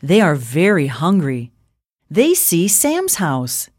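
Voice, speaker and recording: Female storybook reader, unhurried and clearly spoken, lots of melody in the voice. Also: sits low, no room sound. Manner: slow, clear, expressive reading. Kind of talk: children's storybook reading.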